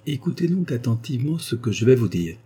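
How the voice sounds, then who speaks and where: A man voicing an old indebted baron who speaks calmly and suavely, with irony, in an audiobook. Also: medium pitch, a little fast, breathy edge, pitched above the performer's own voice. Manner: calm, suave, ironic. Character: old smooth-talking indebted male baron.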